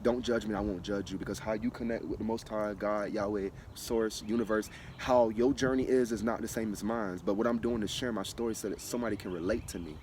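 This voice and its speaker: A man's voice: fairly low pitch, steady tone, quick pace, hardly any pauses, a little mellow. A man from Florida shares a personal spiritual testimony in an emphatic, repetitive way, often asking if you get what he's saying. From Broward County, Florida. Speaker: spiritual vlogger. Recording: distant mic with faint street noise.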